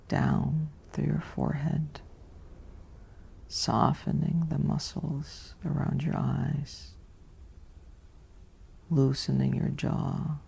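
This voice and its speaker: A woman guides a sleep meditation in a soft, whispery ASMR manner, her mellow bass voice thick with vocal fry. She keeps an even, calming tone and lets long pauses sit between brief phrases.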